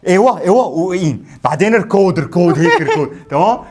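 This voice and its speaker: A quick, chatty man runs his prank vlog. His voice sits a little high for a man, and he talks in bossy, teasing older-brother banter. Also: lively intonation, a little mellow. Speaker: vlog host setting up a prank. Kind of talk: casual prank vlog chat.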